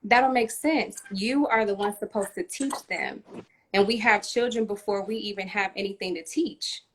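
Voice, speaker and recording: A woman's voice: mid-range voice, normal speed, a little hiss or hum, low-quality recording. A woman hosting a casual conversation, reflective and opinionated as she makes her points. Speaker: host.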